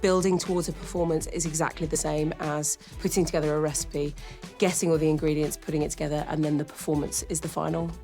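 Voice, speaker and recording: A woman's voice: sits low, level tone, fast talker, mellow, soft background music. A woman, a vocal coach competing as a contestant, talking reflectively.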